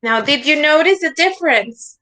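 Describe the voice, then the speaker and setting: A woman's voice: sits high, expressive, moderate pace, sharp tone, rough recording. A woman teaching an English lesson in an online class, patient and repetitive, checking in with "okay?" again and again. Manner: patient, repeats words and asks "okay?" often.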